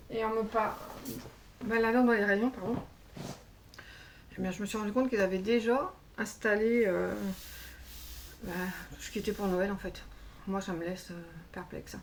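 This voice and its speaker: A woman chats through a crafting haul, pausing often with little fillers as she hunts for words. Her mid-pitched voice sits a bit back from the mic, with a faint hiss in the background. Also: distant mic. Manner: chatty, hesitant, many fillers. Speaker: crafting YouTuber. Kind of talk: casual show-and-tell haul.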